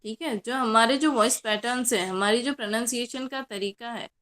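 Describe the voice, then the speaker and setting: A woman's voice: on the high side, brisk, a bit bright. A young woman college lecturer with a Hindi accent, teaching a class in a mix of Hindi and English and answering her own questions.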